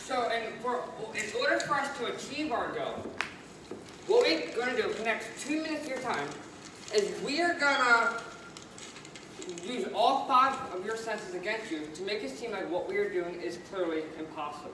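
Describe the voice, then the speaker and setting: Very echoey female stage magician, higher-pitched. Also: lively intonation, moderate pace. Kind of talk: rehearsed stage presentation. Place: echoey room at a live show. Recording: very echoey distant room, hissy noise.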